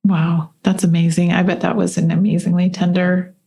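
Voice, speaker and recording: A woman's voice: fairly low pitch, level tone, normal speed, creaky, warm tone. A woman hosting a podcast, asking attentive, encouraging questions. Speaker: podcast host. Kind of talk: casual interview chat.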